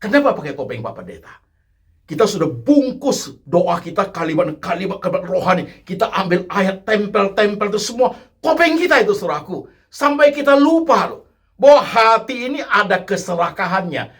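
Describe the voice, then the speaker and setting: High, lively preaching man. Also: moderate pace. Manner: emphatic preaching with sudden drops to near-whispered asides; repeats key phrases for emphasis. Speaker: pastor. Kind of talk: sermon.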